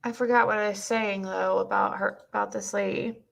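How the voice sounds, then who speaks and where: A woman streamer with a squeaky voice chatting bluntly and rambling with her viewers, recorded on a cheap mic. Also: flat delivery, a little fast, gravelly. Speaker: streamer reading chat. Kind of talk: casual live-stream commentary. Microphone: cheap twelve-dollar mic.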